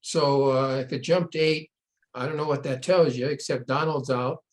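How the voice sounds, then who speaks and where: A man giving casual, off-the-cuff sports betting commentary, halting and repeating words as he goes. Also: medium pitch, fairly even intonation.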